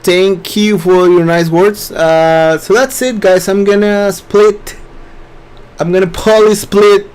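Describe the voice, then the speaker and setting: A man hosts a laid-back live stream Q&A, reading chat questions out and answering them in an easygoing, unhurried way. His voice sits a little high for a man, and he takes his time over his words, with plenty of fillers. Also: clear, resonant tone. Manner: relaxed, reads chat questions aloud, many fillers. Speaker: webinar host.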